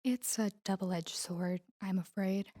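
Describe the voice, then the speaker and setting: A woman speaks slowly as a wealthy, self-assured girlfriend in an intimate audio roleplay. Her mellow, middling-pitched voice stays relaxed and smooth as she teases playfully, sounding like a young woman who usually gets what she wants.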